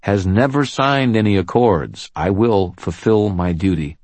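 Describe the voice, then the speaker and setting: A man's voice: fairly low pitch, a little slow, a little mellow, no room sound, voice pushed up. A man doing a steely, defiant woman cop. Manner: firm, clipped, defiant. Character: tough, steely woman police officer. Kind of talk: audiobook character voice.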